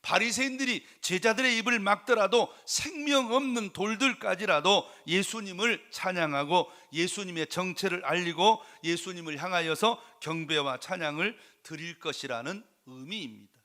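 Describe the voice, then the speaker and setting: A man's voice: high voice, moderate pace, few pauses, pushed and bright. A male pastor preaching a sermon, asking the congregation rhetorical questions and building to fervent exclamations. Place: church sanctuary.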